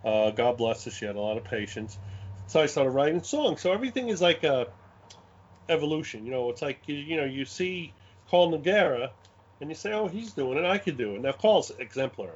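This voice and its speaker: A man with a Brooklyn accent chatting casually in an animated, rambling way, often repeating his phrases. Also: a little high, a little fast. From Brooklyn, New York. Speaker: guest, game scenario designer. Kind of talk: casual chat, anecdotes. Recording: dull lo-fi audio.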